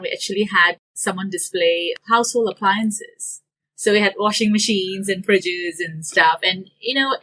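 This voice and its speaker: A Singaporean woman who owns a business gives detailed interview answers, explaining steadily with some fillers. Her voice is medium-pitched, and the audio quality is poor.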